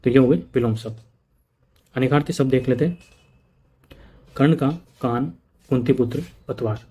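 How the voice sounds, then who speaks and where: A man's voice: mid-range voice, steady tone, moderate pace, dark tone, slight background noise. A man teaching an exam prep lesson, repeating word lists and checking in with "okay" often. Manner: repeats points with frequent "ठीक है" checks; mixes English terms into Hindi explanation.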